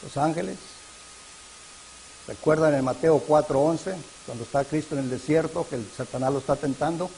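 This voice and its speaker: A man's voice: fairly high pitch, normal speed, vocal fry, dark tone, a little hiss or hum, rough recording. A man preaching a sermon in a church, emphatic and repeating his key words for weight.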